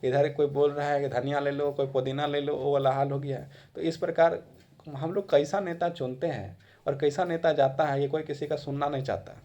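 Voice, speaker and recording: A man's voice: fairly high pitch, steady tone, normal speed, mellow. A man giving a classroom lecture in a conversational way, repeating phrases for emphasis. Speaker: teacher.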